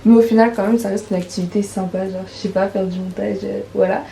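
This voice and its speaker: Teen girl vlogger, casual and rambling, warm dark timbre. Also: medium pitch, fairly even intonation, fast, vocal fry, a little hiss or hum, poor audio. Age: teens. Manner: chatty, many fillers. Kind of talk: casual vlog narration.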